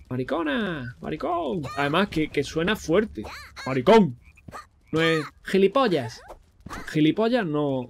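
A young man doing excitable, profane commentary on a video game he plays, breaking into sudden shouts. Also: fairly high pitch, slight background noise. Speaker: let's play host. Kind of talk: gaming commentary.

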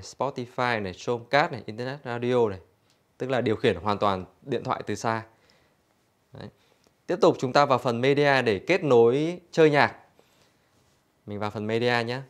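Male store demonstrator, mid-pitched. Infomercial-style walkthrough, explanatory and conversational, speaking to customers. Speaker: product demonstrator for an audio store. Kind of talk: product demonstration, infomercial-like sales presentation.

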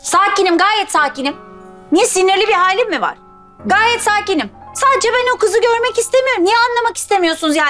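A woman playing Meltem, a distraught wife who keeps insisting she is calm, in a TV sitcom. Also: extremely high pitch, fairly quick, faint music behind. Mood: agitated. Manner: agitated, repeating herself insistently. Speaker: sitcom character. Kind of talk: TV sitcom acting.

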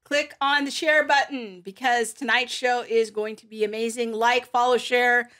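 Woman co-host, slightly high voice, upbeat casual chatter, easy laughs. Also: fairly even intonation, moderate pace, a bit bright. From California. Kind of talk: casual live-stream chat.

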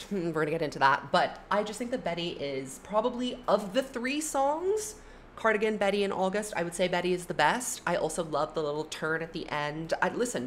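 Animated, low-voiced woman ranking songs. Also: slight background noise. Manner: animated, chatty, frequent "like" fillers. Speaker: music commentary YouTuber. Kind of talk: casual opinionated album ranking.

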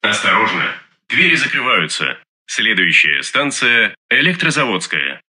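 A man making recorded subway announcements as a train announcer, formal, measured and clearly enunciated. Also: lowish voice, sing-song, pushed and bright, no room sound, studio quality.

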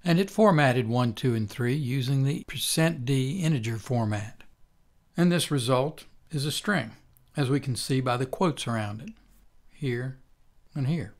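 Calm older man teaching programming. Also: mid-range voice, measured pace. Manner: calm, methodical explaining. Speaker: instructor. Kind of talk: recorded programming lecture.

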